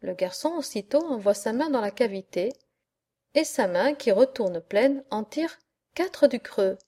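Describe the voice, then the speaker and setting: A woman narrating a literary audiobook in a measured, expressive reading. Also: on the high side. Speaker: audiobook reader.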